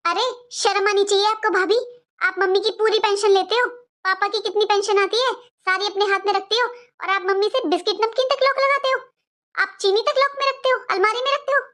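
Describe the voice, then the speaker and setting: Woman doing a fierce, indignant daughter, very high voice. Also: fairly even intonation, a little fast, fairly bright tone. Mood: scolding. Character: protective grown-up daughter, outspoken. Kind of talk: family drama acting.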